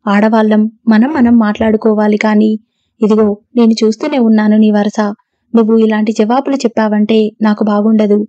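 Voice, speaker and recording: Domineering mother-in-law, scolding and self-pitying, read by a woman in a mellow voice on a dull recording. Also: mid-range voice, little pitch movement, moderate pace, dry recording, lightly acted. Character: domineering older mother-in-law, quick to tears.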